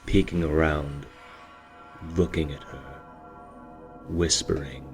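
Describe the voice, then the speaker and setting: A man with a deep, low voice reads a story in a steady, measured way. Soft music plays quietly under his narration.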